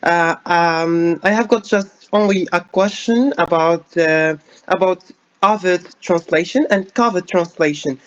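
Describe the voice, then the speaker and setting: A man's voice: high voice, measured pace. Hesitant young man on dull video-call audio. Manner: hesitant, many fillers. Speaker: master's student asking a question. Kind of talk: asking a question in an online lecture.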